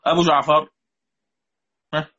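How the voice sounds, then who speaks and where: Man, Egyptian accent, husky voice, dull lo-fi recording, repeats terms and quizzes students. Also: on the high side, little pitch movement, unhurried, sharp tone. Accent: Egyptian Arabic. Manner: explains patiently, repeats key words, asks students questions. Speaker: Quran recitation teacher. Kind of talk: recorded lesson explaining Quranic readings.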